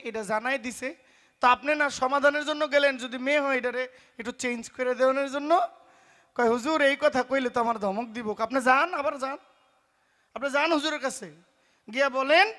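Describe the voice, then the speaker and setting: High, bright folk preacher. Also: male voice. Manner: loud and emphatic, acts out voices in the story. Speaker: folk singer preaching a story. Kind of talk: pala gaan storytelling sermon. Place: stage at a live folk performance.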